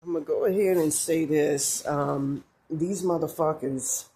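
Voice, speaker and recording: A woman reading tarot, talking in a halting, rambling monologue with many fillers and restarts, woozy and out of breath. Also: deep voice, fairly even intonation, mellow. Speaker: tarot reader.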